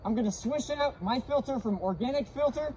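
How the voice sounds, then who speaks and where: High-voiced man talking through a gas mask. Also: fairly quick, darkish tone, a little hiss or hum, low-quality recording. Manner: brash, swearing, breathing deeply. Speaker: vlogger testing safety gear. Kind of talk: casual demonstration.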